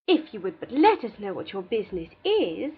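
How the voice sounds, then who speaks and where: A woman voicing a nosy, gossipy older matron who teases and pries in an excitable way. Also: medium pitch, moderate pace, slightly rough, narrow, tinny audio, voice pushed up, exaggerated voice. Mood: teasing, prying. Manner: prying, teasing, excitable.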